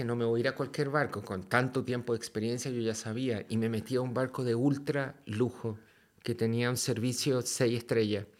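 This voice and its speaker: A Chilean man with a matching accent, speaking at a mid-range pitch, appears as a podcast guest and tells a story in a relaxed, energetic style packed with slang and swearing.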